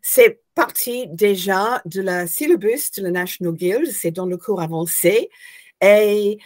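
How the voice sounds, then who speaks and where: A woman's voice: mid-range voice, measured pace, darkish tone. An older woman from Australia speaks as an interview guest, laying out her teaching plans step by step. She talks thoughtfully, often stopping to find the right word before going on. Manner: thoughtful, searching for words, explains step by step. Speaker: guest hypnosis instructor. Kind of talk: explanatory interview answers.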